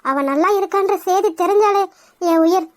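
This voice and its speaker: A tearful, gentle widowed mother in a cartoon, played by a woman. The voice is extremely high, thin and almost childlike. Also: moderate pace, no echo, clean studio sound. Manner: emotional, gentle. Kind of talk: cartoon voice acting.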